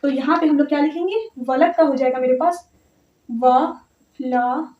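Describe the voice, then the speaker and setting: A woman teaching a grammar lesson step by step, patient, repeating words slowly and often checking that her students follow. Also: high-pitched. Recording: echoey, distant, slightly dull audio.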